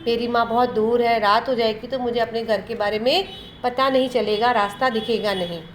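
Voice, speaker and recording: A tiny, innocent bird child from a storybook lesson, anxious and pleading to get home before dark, as a woman teacher reads her. The voice sits fairly high and uneasy. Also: steady tone, moderate pace, slight background noise, lightly acted. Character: small frightened young female bird, innocent.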